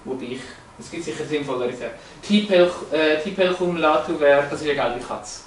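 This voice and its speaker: A man's voice: a little high, moderate pace, a little hiss or hum. A man explaining language features from slides, hesitant, with many fillers and restarts. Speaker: presenter. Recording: roomy, echoey, from a distance.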